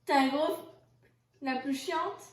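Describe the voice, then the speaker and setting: Young woman vlogger, high voice, teasing + giggly, kinda far from the mic, echoey room. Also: fairly even intonation, slow. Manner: teasing, laughs often. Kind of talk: casual chat. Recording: roomy and distant from the mic.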